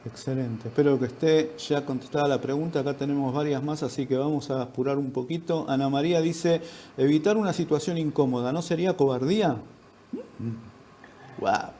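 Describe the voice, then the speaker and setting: A man's voice: fairly high pitch, normal speed, dark tone, a little hiss or hum. A man hosting an online talk, briefly and politely reading out viewer questions and moving things along. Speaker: host.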